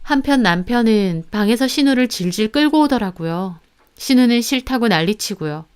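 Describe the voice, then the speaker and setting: Smooth-voiced woman narrating a story. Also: a little high, expressive, normal speed. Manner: matter-of-fact, indignant retelling. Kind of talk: first-person scripted story narration.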